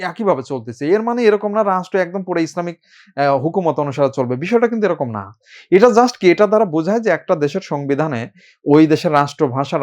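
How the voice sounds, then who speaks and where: A man teaching an admission coaching class, informal and brisk, often checking in with his students. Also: a little high. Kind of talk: live online class lecture.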